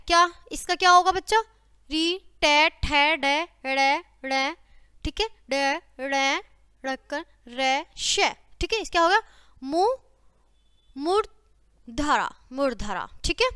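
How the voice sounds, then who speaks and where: A woman teaches a grammar lesson, saying each word twice and often pausing to check in with her students. Her voice sits high with a bright, clear edge. The sound is close and dry, with no room echo. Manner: repeats each word twice, says "ठीक है बच्चा" often.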